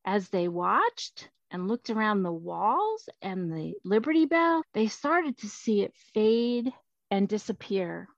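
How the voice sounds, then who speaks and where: A woman's voice: medium pitch, big pitch swings, takes it slowly, gravelly, no echo, highs cut off. Chatty woman author. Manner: chatty, enthusiastic storyteller. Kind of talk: author talk and reading.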